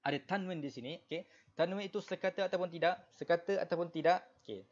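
A Malaysian man with a fairly high voice teaches Quran recitation, calmly repeating each point over and over. He drops between chatty explanation and slow, drawn-out chanting. The audio sounds dull and lo-fi. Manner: explains patiently with many repetitions and fillers, then chants verses slowly. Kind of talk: online Quran recitation lesson.

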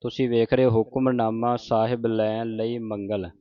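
A man giving a religious lesson on correct pronunciation, reciting each verse slowly and deliberately before explaining it. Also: medium pitch, level tone, dull audio. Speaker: Gurbani teacher.

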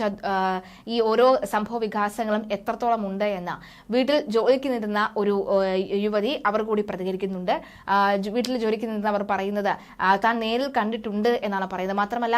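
A woman news presenter talking through a story in a plain way, with some fillers. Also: medium pitch. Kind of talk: news commentary.

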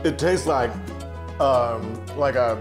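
A man co-hosting a casual cooking show, exclamatory and quick to laugh, with frequent lively interjections. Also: medium pitch, over music. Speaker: co-host and taster.

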